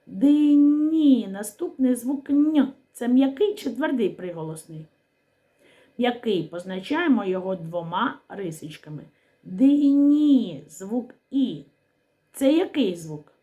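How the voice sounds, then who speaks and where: A woman teaching a literacy lesson to young children, speaking slowly and articulating each sound clearly, asking questions and pausing for answers. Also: mid-range voice, very animated, warm tone, dull audio. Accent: Ukrainian. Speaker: primary school teacher.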